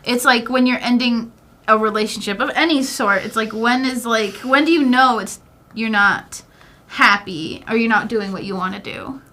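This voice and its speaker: A woman's voice: on the high side, moderate pace, bright, forceful tone. A woman co-hosting a casual podcast chat, asking questions in a conversational way. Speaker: podcast co-host.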